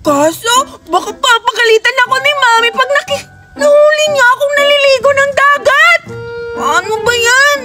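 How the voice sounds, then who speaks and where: A woman voicing an excitable, eager little girl. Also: extremely high pitch, normal speed. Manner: squealing, eager. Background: background music.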